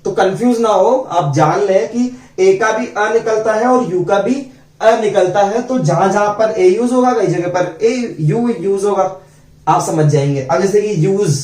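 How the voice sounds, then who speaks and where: High, slow-speaking male teacher, echoey. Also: a little mellow. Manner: slow, repeats sounds and asks students questions. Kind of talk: phonics lesson. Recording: echoey room, voice from a distance.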